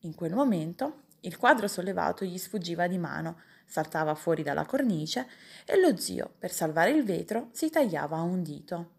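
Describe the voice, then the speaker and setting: Female audiobook narrator, even storytelling delivery, comic novel. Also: fairly low pitch, normal speed, vocal fry, slightly rough. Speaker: audiobook reader.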